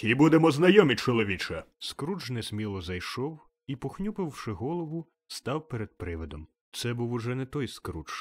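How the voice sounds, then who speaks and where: Man narrating an audiobook expressively. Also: lowish voice. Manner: expressive, measured storytelling.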